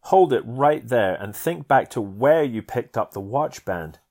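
A man's voice: medium pitch, expressive, a little slow, a little mellow. A man giving voice to God in a memoir reading, speaking firmly and commandingly. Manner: firm, commanding. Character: commanding voice of God, stern and calm.

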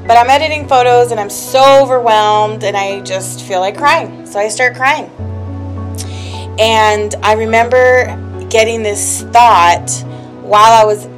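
A woman's voice: fairly high pitch, a little slow. A woman co-hosting a podcast with her husband, speaking candidly and emotionally in casual personal talk, often saying "like". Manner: candid and emotional, heavy use of "like". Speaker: podcast co-host. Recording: music playing underneath. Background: music.

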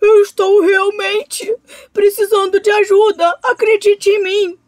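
A woman's voice: very high voice, flat delivery, a little slow, no room sound, voice pushed up. A woman voicing a sly, boastful male alligator in a storybook, crying out in pain and pleading for help. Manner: whiny, squealing, pleading.

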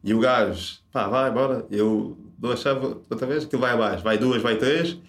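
A man with a European Portuguese accent, a stand-up comedian telling a story in casual chat, animated and acting out the people in it. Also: medium pitch, normal speed. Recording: roomy echo.

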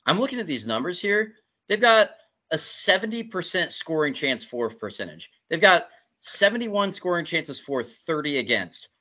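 A man co-hosting a casual hockey podcast, animated and profane as he reads through statistics. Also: fairly high pitch, moderate pace. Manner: animated, swears, rattles off statistics. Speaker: podcast co-host. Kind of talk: casual sports talk.

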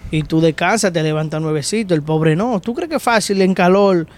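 A man's voice: high voice, expressive, fairly quick. A man with a Dominican accent in a casual group chat, colloquial, bantering and emphatic.

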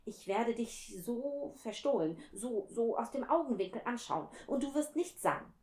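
A woman's voice: on the high side, lively intonation, normal speed, a little mellow, voice pushed up, natural voice. Wise wistful fox, as a woman reads him aloud. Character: wise gentle male fox, longing for friendship. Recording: roomy echo.

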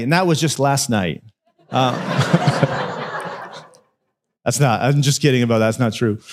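A man preaching a sermon as pastor, talking in a conversational, storytelling way with joking asides. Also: mid-range voice.

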